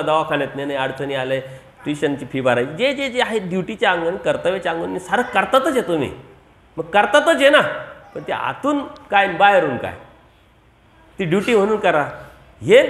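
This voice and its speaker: High-voiced Marathi preacher in an echoey room. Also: male voice, fairly bright tone. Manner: rhetorical questions to the audience, emphatic repetition. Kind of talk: devotional sermon.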